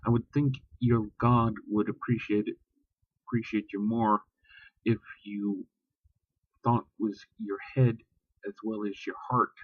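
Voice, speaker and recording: A man's voice: lowish voice, flat delivery, a little slow, dry recording, narrow, tinny audio. A man ranting bluntly and profanely in a casual vlog, talking about religion with heat. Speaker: vlogger. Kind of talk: casual spoken rant.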